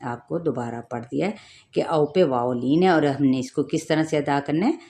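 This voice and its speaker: A woman teaching Quran recitation rules, explaining each rule step by step and drawing out the recited words slowly. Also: sits low, mellow. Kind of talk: tajweed lesson, explaining then reciting.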